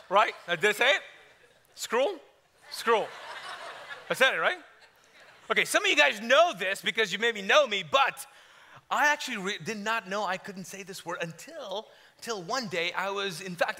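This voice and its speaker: A man preaching a church sermon as guest speaker, telling lively jokes and stories and then slipping into a hushed prayer. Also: sits high. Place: church service.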